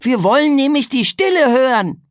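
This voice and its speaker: A woman voicing an excitable young piglet who is the little brother. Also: slow, no room sound, studio quality, exaggerated voice. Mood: shouting. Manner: squeaky and loud.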